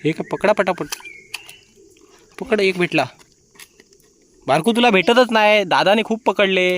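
A man's voice: sits high, measured pace, fairly bright tone. Man urging kids on outdoors. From Konkan, India. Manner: encouraging, urging children on. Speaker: vlogger. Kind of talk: casual outdoor vlog narration. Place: outdoors by a small stream pool.

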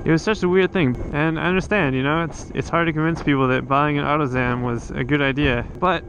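A male motovlogger rides a motorcycle along a coastal road, rambling through a casual vlog monologue full of restarts and fillers, captured on a helmet camera. His voice is on the high side and steady, he talks fairly quickly, and the background is noisy.

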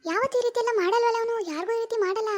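A woman playing a scheming mother-in-law, high-voiced. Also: racing. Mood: concerned. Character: older mother-in-law, sympathetic but stirring trouble. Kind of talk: amateur family drama acting.

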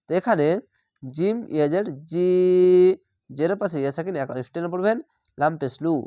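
Man, Bangladeshi Bengali accent, Quran reading teacher, spells letters out one by one, slow recitation, high voice. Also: lively intonation, darkish tone, dry recording, clean studio sound. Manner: spells letters and vowel marks one by one, then recites slowly.

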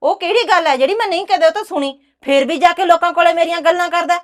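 A sharp-tongued village housewife, voiced by a woman, high-pitched. She scolds and curses freely. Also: quick pace. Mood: scolding. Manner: scolding, cursing. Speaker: actress. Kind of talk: village drama dialogue.

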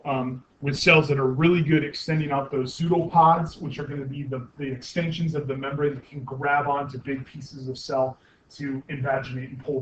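A man giving a university anatomy lecture, explaining step by step with many fillers and self-corrections and asking the class questions. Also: medium pitch. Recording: muffled lo-fi classroom recording with faint noise.

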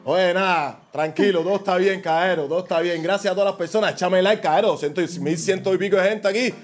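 A man's voice: sits high, quick pace, soft background music. A young Cuban man with a Cuban Spanish accent, joking and bragging in a casual live-stream chat. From Cuba. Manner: boastful, joking, slangy. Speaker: guest.

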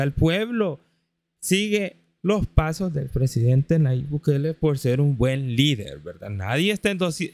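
A man commenting on a clip in a measured, lecturing way, often tagging his lines with a question. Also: fairly high pitch, darkish tone, no echo.

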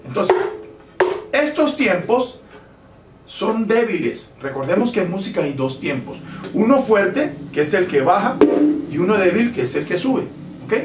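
A man's voice: high voice, noisy background. A man teaching bongo technique, patiently counting beats aloud and correcting himself as he demonstrates. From Colombia. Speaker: bongo instructor. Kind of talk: music lesson with demonstrations. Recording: roomy, mic at a distance, loud drumming. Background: bongo drumming.

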